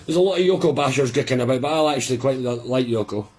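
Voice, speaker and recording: A man hosting a live listening party, chatting casually and rambling with quiet amusement as the record plays. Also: mid-range voice, quick pace, breathy edge.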